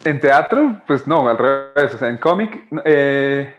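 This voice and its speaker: A man's voice: medium pitch, animated, slow pace. A Colombian man hosting a casual online interview, joking and asking short questions. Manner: jokey, asks short questions. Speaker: host. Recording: roomy, muffled video call.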